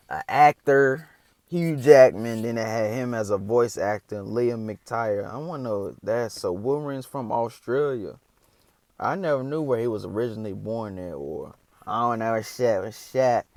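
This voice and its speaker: A man's voice: fairly low pitch, expressive, unhurried, a little mellow, no echo. Casual man, dry close sound. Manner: slangy, loose, rambling. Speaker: reaction video host. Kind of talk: casual reaction chat.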